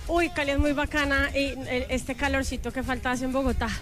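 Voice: high-pitched, steady tone, a little fast, a bit bright, faint music behind. Chatty morning-show co-host. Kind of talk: live broadcast interview.

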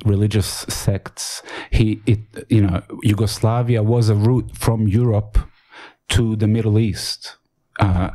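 Low, mellow-voiced man from Bosnia. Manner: halting, repeats words while searching for them. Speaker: interview guest. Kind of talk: personal life story in a radio interview.

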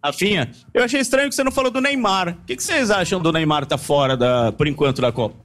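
A man with a Brazilian Portuguese accent, reporting live outside a stadium and asking fans quick, chatty questions. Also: high-pitched, lively intonation, a bit bright. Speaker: field reporter. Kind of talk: live street interviews.

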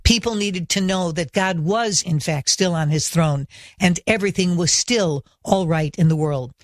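High-voiced man, dry, preacherly radio address. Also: no echo. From Washington DC area. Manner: measured, preacherly emphasis. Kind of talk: earnest radio address on faith.

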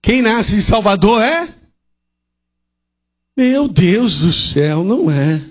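Preaching passionately at a church service, a male pastor uses a very high voice with big pitch swings. His pace is unhurried and deliberate with stretched-out words, and he asks rhetorical questions while shouting hallelujah between points.

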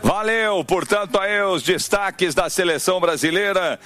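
A man hosting live sports radio, briskly reading out listener messages and giving the time. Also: high-pitched, a bit bright, soft background music.

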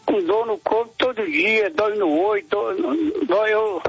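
An older man calling in to a radio program over a crackly, breaking-up cell phone line, talking in a halting, rambling way and repeating his words. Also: high voice, breathy edge. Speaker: caller. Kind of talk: radio call-in prayer request. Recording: muffled phone call on radio.

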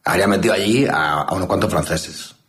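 A man in a comedic chat, rambling through mock-outraged rants and deadpan answers. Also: low-pitched, brisk. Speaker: comedic guest. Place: newsroom studio.

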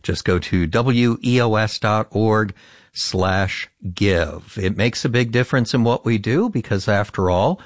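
An American man hosting local public radio, making an earnest, appreciative live pitch for donations. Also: a little slow, no room sound, studio quality. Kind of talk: live fund drive pitch.

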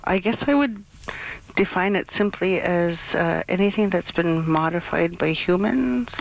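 A woman's voice: fairly low pitch, measured pace, gravelly. A woman archaeologist from Nunatsiavut, Canada, explains in plain, thoughtful terms over a phone line. She sounds like an interviewee reached by phone. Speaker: government archaeologist.

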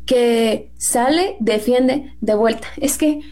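A Mexican woman with a Mexican Spanish accent and a fairly high voice talks through a Bible story in a casual, chatty way. She acts out the quotes she retells with a lifted voice. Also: slow pace, warm tone.

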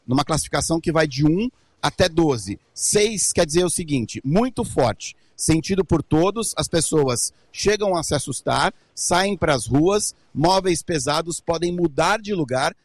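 A man's voice: a little high, expressive, unhurried, no echo. A male correspondent explaining a news event precisely in a live report.

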